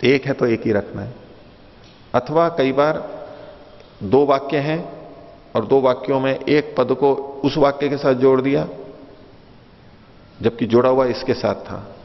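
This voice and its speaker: Male lecturer, gravelly voice, patient and repetitive, dull lo-fi hall recording. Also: mid-range voice, unhurried, pauses often. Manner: patient, repeats and rephrases points, asks listeners questions. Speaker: teacher of Mimamsa philosophy. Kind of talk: explanatory lecture with stories.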